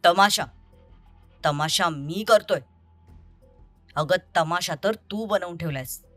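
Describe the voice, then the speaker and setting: A woman voicing an angry young man who confronts his deceitful ex-lover in an audio story, over soft music. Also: fairly low pitch, takes it slowly, no echo. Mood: accusing. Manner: accusing, bitter and confrontational.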